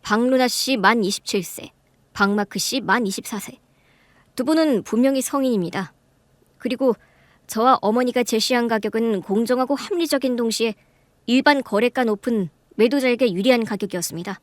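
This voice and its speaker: A woman voicing a calm, composed young businessman who speaks formally and firmly in a radio drama. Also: on the high side, dry recording, close to an everyday voice. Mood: cool firm. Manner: formal, measured, coolly firm.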